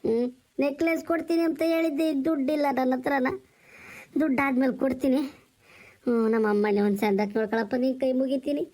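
A man's voice: very high voice, a little fast. A man playing an emotional middle-aged brother who begs through tears. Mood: tearful. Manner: tearful, pleading. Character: emotional middle-aged brother begging for his sister's care.

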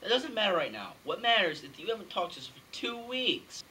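A man's voice: high-pitched, big pitch swings, brisk, bright, forceful tone, exaggerated voice, rough recording. A young man playing a vain, huffy fashion snob in an amateur comedy sketch, speaking in a haughty, indignant way. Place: room in a house. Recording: home room, faint background noise.

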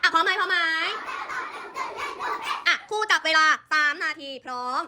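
A woman's voice: very high voice, expressive, moderate pace. A woman teaching a phonics lesson to young children in a classroom, patiently prompting and repeating each word back to them. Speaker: primary school teacher. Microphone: room recording from a distance. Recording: echoey classroom from far off with background noise.

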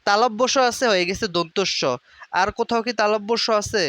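Man, young adult, pronunciation teacher, high voice, dry close sound. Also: steady tone, pushed and bright, no room sound. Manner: repeats words slowly, drilling pronunciation. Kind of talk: Bengali pronunciation lesson.

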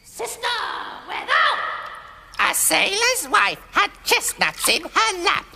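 A shrill, gravelly stage witch. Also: big pitch swings, slow pace, bright, forceful tone, long reverb tail, exaggerated voice. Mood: hammy. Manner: archaic, melodramatic delivery. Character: stage actor hamming a cackling witch.

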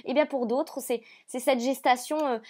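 A French woman giving a spiritual card reading to the viewer, speaking softly and hesitantly, often repeating phrases with many fillers. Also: high voice, steady tone, normal speed. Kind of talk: channeled reading, addressing viewer.

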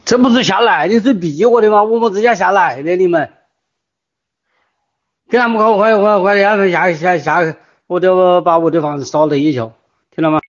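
A man's voice: high-pitched, a little fast. An older man with a Wuhan accent, distraught and agitated, speaking insistently and repeating himself in informal voice messages. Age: older, near retirement. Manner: agitated, insistent, repetitive pleading and warning. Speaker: resident leaving voice messages in a group chat. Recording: muffled lo-fi phone voice messages.

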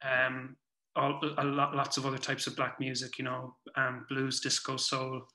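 Speaking casually over a video call from a small room at home, a playwright and performer with a Cork accent reflects as an interview guest. He halts and circles back to rephrase, his bright voice staying level and monotone, and the computer mic gives the audio a roomy feel.

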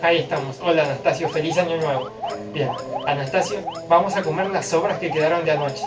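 A man giving excited commentary while playing a motion game at home, chanting repeated cheers and shouting, picked up by a camera mic at a distance. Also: a little high, brisk. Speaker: gamer filming himself. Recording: loud game music over voice.

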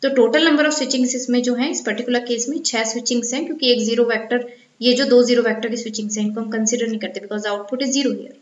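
A woman's voice: on the high side, steady tone, fairly quick. A woman lecturer with an Indian accent, explaining an engineering topic step by step and mixing technical English terms into her talk. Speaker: university lecturer. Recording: echoey, dull lo-fi room recording.

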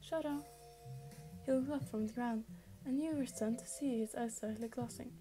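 A woman's voice: on the high side, fairly even intonation, a little fast, background noise. A woman casually reading a fan story aloud, chatty, with frequent slips and restarts. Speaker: fan fiction reader.

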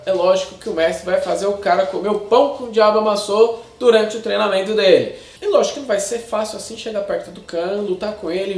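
A Brazilian man in his thirties chattily reviewing a film to camera in slangy, casual speech with frequent tag questions. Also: high voice. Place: small indoor room with shelves of discs. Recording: echoey untreated room.

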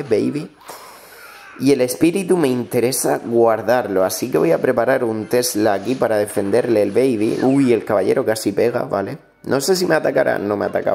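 Man, hushed gaming commentary, mid pitch, faint music behind. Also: gravelly. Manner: talks quietly and a little oddly, ASMR-style; excitable, bursts out loud at big plays. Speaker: gaming streamer. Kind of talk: soft-spoken game commentary.

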